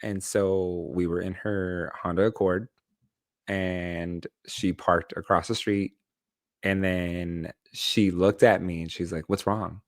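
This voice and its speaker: La guy on a podcast, lowish voice, rambly storytelling w lots of fillers, dry close sound. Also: flat delivery, takes it slowly, dry recording. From Los Angeles. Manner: rambling, many fillers and self-corrections. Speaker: podcast co-host. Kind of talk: casual chat, personal storytelling.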